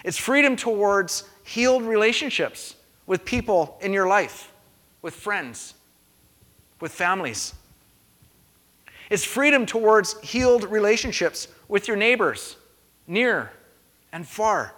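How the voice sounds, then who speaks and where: A man's voice: high-pitched, animated, takes it slowly, long pauses, fairly bright tone, in a large hall. A man preaching a sermon as pastor, earnest and rhythmic, building on repeated phrases. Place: church.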